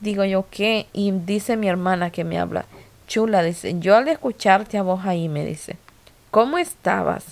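A woman's voice: medium pitch, normal speed, creaky, hardly any pauses, a little mellow. A middle-aged woman, emotionally retelling a story to her viewers in casual vlog style. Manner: emotional, repetitive retelling with quoted dialogue. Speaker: vlogger.

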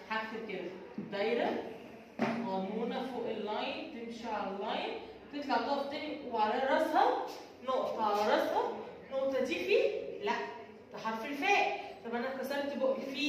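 A high-voiced woman with an Egyptian accent teaches a kindergarten lesson, asking her questions and then answering them in a sing-song way. The recording is very echoey and catches her from a distance. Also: a little hiss or hum. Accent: Egyptian Arabic.

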